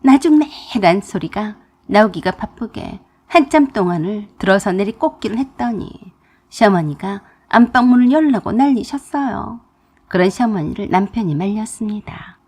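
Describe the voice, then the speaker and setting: A young woman narrates a dramatized story with emphatic, expressive delivery. Her voice is husky and breathy, rising and falling widely. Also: mid-range voice, moderate pace.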